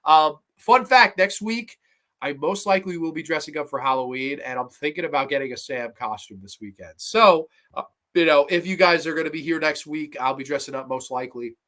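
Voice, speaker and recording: A young man hosts a horror movie livestream, rambling and opinionated, swearing casually and reading chat comments aloud in a casual review chat. His voice is a little high and sharp with lively intonation and a brisk pace, and he sounds a little congested, with a slight cough.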